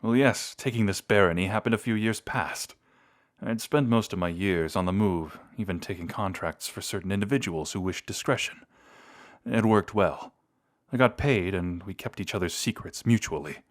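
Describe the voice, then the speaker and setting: A man takes the role of a courteous, brooding vampire speaking to a lost love in an intimate audio roleplay. His low voice stays close to an everyday speaking voice, and his formal, measured words carry a reminiscing mood.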